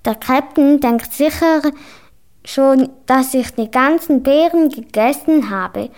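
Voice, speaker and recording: A woman voicing a kind, chatty male pirate parrot who croaks his words quickly. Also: high voice, darkish tone.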